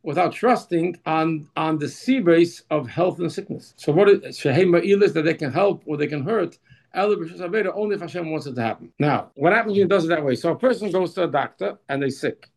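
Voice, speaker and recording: Man, religious teacher, slightly high pitch, gravelly voice, halting speech, frequent repeats. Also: animated, darkish tone, low-quality recording. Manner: halting, repeats words, reads slowly and translates. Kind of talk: text study class.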